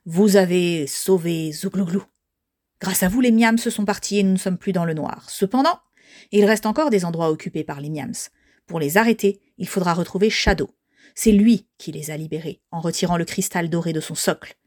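A wise old village sage, put on by a woman reading aloud, speaking in a slow, measured and solemn way. He sounds close and dry, as in a storybook reading. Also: on the low side, a little mellow, dry recording, close to an everyday voice.

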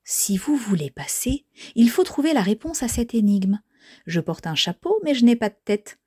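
A small owl guardian who asks riddles, played by a woman reading a children's story. Her delivery is slow and teasing, and the sound is close and dry. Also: fairly high pitch, big pitch swings, dark tone, slightly rough, dry recording. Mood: playful.

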